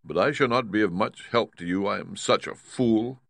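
A man voicing a humble, self-deprecating scarecrow in a storybook, modest and unhurried. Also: lowish voice, vocal fry, no echo. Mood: humble, glum.

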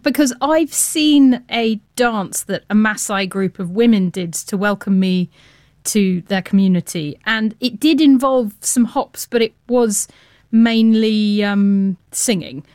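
A woman's voice: on the high side, a little mellow, dry recording, clean studio sound. A woman presenting a radio science show in an informal, playful, chatty way.

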